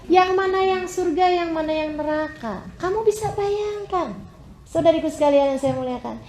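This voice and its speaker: A woman preacher giving a conversational sermon to women, with an animated manner. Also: very high voice, moderate pace, echoey room, a faint crowd. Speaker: Islamic preacher.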